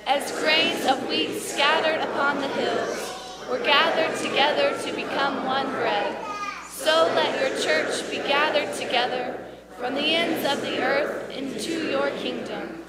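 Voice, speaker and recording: Woman praying slowly in cathedral echo. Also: high voice. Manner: slow, measured prayer. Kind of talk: liturgical prayer. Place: large church hall. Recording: echoey hall with loud crowd noise.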